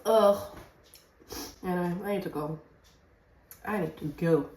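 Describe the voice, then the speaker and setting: A book vlogger with a lowish voice keeps a measured pace while chatting casually in her home kitchen despite a stuffy cold. Her talk rambles with plenty of fillers. Recorded from a distance, the audio has an echoey room sound.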